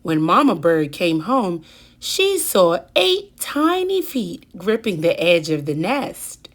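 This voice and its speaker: A woman reading a children's picture book aloud with deliberate, dramatic emphasis. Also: fairly low pitch, sing-song. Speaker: children's story reader.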